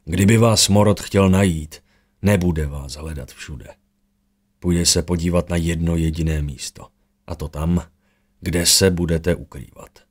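A man narrating a fantasy audiobook in a steady storytelling manner. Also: deep voice.

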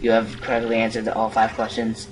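A man's voice: lowish voice, monotone, fast talker, distant mic, noisy background, natural voice. A man voicing a formal, clipped male quiz computer in a video game.

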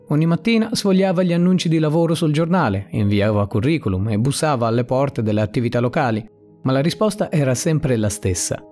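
Warm, lively male storyteller. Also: medium pitch. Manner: dramatic, emotive storytelling. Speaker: narrator. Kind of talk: scripted story narration. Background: faint music.

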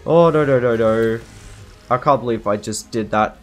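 A man with a mid-range voice speaks at a moderate pace over faint background music. He's a gaming video creator commentating live on his gameplay, frantic and anxious, repeating himself constantly.

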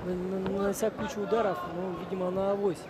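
High-pitched male fight commentator over crowd. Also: flat delivery, quick pace. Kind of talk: live MMA play-by-play commentary. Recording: loud arena crowd behind commentary.

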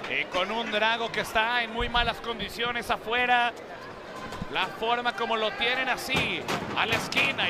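High-pitched Mexican male wrestling commentator. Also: heavy background noise. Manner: excited, emphatic narration of the action. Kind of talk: live lucha libre play-by-play commentary. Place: live wrestling event in large indoor arena. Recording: loud arena crowd and music behind voice.

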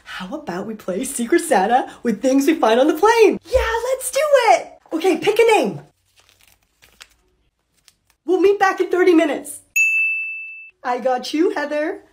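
A woman with a high, lively voice acts out a chirpy flight attendant in a short comedy sketch. She talks slowly and brightly, with her pitch leaping up and down. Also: slight background noise. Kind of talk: scripted comedy skit.

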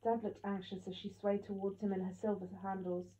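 A woman narrating an audiobook in the first person with steady storytelling. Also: mid-range voice, brisk. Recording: echoey tinny phone-like sound.

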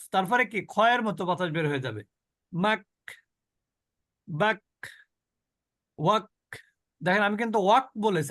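A man with a fairly high voice leads a Quran recitation lesson, explaining patiently and asking questions he answers himself. He demonstrates each sound several times over. The recording is dry and close, with no room echo. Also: a bit bright. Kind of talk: online tajweed class.

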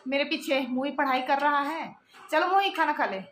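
A high-pitched woman hosts a casual home vlog, turning from viewers to her kids in an easy, chatty way. Her voice sits well above the usual range. Steady rain hisses loudly behind her on a handheld phone recording. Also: normal speed. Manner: chatty, addresses viewers and children by turns. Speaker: vlog host and mother. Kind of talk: casual family vlog narration. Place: family home during heavy rain. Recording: heavy rain noise behind voice.

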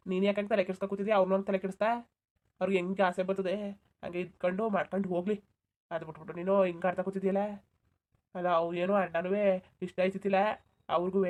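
A woman voicing a calm, reasonable young village woman in a cartoon, soothing and reasoning with a rural Karnataka Kannada accent. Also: mid-range voice, lightly acted. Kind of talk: cartoon voice acting.

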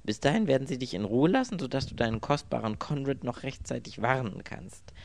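A man voicing a cool, wry gentleman. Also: mid-range voice, lively intonation, a little fast, gravelly, slight background noise, pitched above the performer's own voice.

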